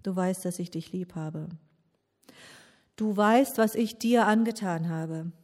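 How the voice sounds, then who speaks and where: A woman voicing a remorseful male apostle who confesses his failings slowly and humbly during a sermon. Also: fairly low pitch, darkish tone. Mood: contrite.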